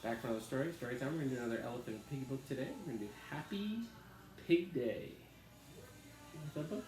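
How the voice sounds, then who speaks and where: A man's voice: mid-range voice, lively intonation, fast talker, darkish tone. Man reading a picture book aloud. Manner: friendly, chatty asides to children. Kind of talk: children's read-aloud. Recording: echoey room with background music.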